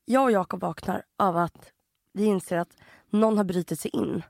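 A woman co-hosting a podcast in casual chat, an animated storyteller who acts out other people loudly. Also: mid-range voice, gravelly, dry recording, studio quality. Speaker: podcast co-host.

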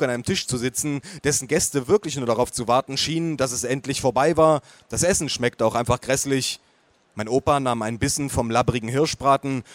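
A male audiobook narrator reading in the first person, calm and measured with a wry touch. His voice is of middle pitch, recorded on a close mic in a dry, dead space. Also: no echo. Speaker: audiobook reader.

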